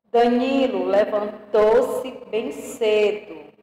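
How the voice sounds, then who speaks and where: A woman with a Brazilian Portuguese accent teaching a primary school class online, talking slowly and patiently, stretching out example words and often checking in with "ok?". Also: mid-range voice, mellow. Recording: roomy with long reverb.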